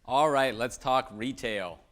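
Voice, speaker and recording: A man's voice: mid-range voice, measured pace, fairly bright tone. A young man giving a live presentation, telling self-deprecating stories with humor. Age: young adult. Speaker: conference speaker.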